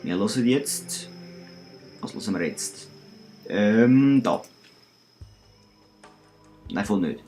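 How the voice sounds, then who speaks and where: Low-voiced Swiss German man for let's play narration, chatty and self-mocking, soft music bed. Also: expressive, slow, long pauses. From Switzerland. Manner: chatty, self-mocking, talks to himself and viewers. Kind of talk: casual gameplay commentary.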